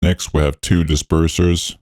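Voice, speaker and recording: A man talking through a voice changer that deepens his voice. He hosts a music production tutorial, narrating each step in a laid-back, technical way with frequent fillers. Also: flat delivery, a little slow, very noisy. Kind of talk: walkthrough narration over a screen recording.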